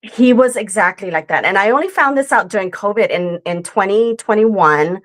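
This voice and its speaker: A woman's voice: mid-range voice, expressive, moderate pace. A woman in her forties, a guest in a conversational interview, telling a story earnestly and often checking in with "right?". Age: 40s.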